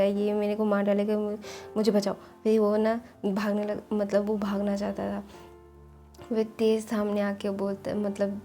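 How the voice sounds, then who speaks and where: A woman's voice: medium pitch, dark tone. A woman casually retelling a fan fiction story, chatty, with many fillers and restarts, quoting the characters in her own voice.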